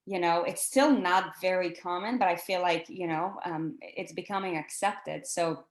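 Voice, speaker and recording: A woman's voice: on the low side, moderate pace, roomy sound. A woman podcast host from Israel, chatting casually with lots of likes and you-knows. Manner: chatty, filler-heavy with many likes.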